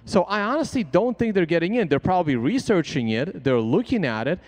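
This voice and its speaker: A man's voice: high voice, very animated, a little fast, a little mellow. Blunt-talking man in a reverberant hall. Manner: blunt, opinionated. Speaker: crypto trader and educator. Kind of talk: panel discussion. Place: conference stage.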